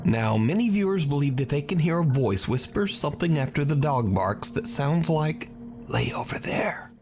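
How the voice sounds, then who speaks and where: Male narrator for a spooky compilation, animated intonation, over a music bed. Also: fairly high pitch, moderate pace. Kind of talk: scripted narration. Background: music under the narration.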